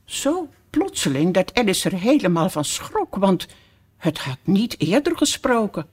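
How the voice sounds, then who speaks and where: A narrator reading a storybook aloud at an unhurried pace, calm and measured. The reading is expressive but steady, in the manner of an audiobook. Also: mid-range voice, husky.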